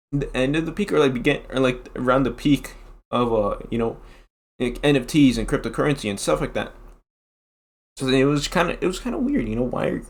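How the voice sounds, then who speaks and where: Rambling man in a casual rant. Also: medium pitch. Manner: rambling, filler-heavy, constant "you know". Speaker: vlogger.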